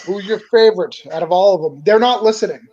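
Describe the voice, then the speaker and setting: A man's voice: sits high, fast, over a noisy crowd. A man hosting a comics panel, upbeat and joking with the guests. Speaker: panel host. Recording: dull lo-fi mic.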